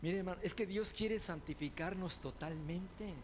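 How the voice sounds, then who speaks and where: Preaching from the pulpit, this pastor swings between booming, impassioned declarations and brisk, chatty side remarks. His pitch is high, and noise fills the background.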